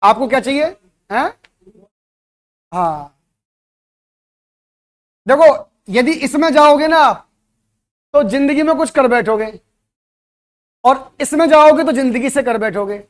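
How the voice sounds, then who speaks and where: A man's voice: very high voice, expressive, slow pace, long pauses. A man teaching at a coaching center, giving a motivational classroom talk and throwing rhetorical questions at his students.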